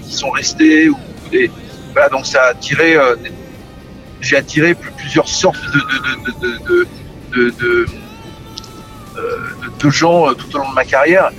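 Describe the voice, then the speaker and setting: A man's voice: medium pitch, expressive, moderate pace, pauses often, fairly bright tone, rough recording. Hesitant man talking over music. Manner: hesitant, repeats words and restarts often. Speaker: musician guest. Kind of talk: relaxed interview talk. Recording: music playing behind the voice.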